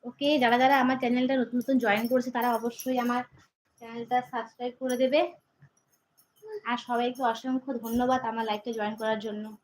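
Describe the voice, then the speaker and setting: A woman hosting a live stream from her phone, answering viewer comments in a slow, chatty way while her voice is hoarse from being unwell. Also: fairly high pitch, little pitch movement, a little hiss or hum, poor audio.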